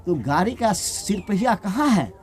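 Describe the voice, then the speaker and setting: A man's voice: high-pitched, big pitch swings, a little slow, a little hiss or hum, voice pushed up. Man doing a sly scolding fox priest. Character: cunning male fox posing as a scolding priest.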